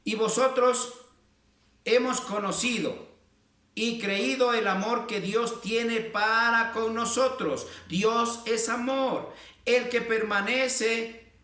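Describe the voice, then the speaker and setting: Pastor, male, preaching with fervent emphasis. High-pitched and bright, recorded from a distance in an echoey room. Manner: preaching with fervent emphasis and repeated "amados hermanos". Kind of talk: sermon.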